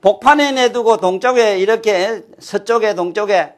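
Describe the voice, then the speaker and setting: A man's voice: high voice, moderate pace. An older man with a Gyeongsang Korean accent giving a folksy lecture, often checking with his listeners and posing rhetorical questions. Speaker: folk-culture lecturer. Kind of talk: lecture to an audience.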